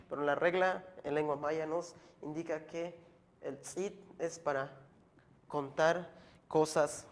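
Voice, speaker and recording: A man teaching a language lesson, explaining slowly and patiently and repeating each word so the learner can follow. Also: fairly high pitch.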